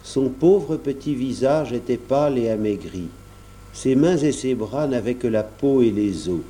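A man narrating a storybook in a steady, measured way. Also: mid-range voice.

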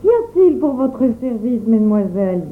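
A woman's voice: a little high, big pitch swings, normal speed, a little hiss or hum. A woman voicing an eager fawning shopkeeper. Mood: obsequious. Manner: eager, overly polite. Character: fawning greedy middle-aged female shopkeeper. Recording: tinny phone-like sound.

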